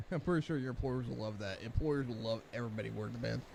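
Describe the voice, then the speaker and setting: A man's voice: mid-range voice, fast, vocal fry, background noise. A man co-hosting a podcast in casual chat, laughing often and swearing freely. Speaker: podcast co-host.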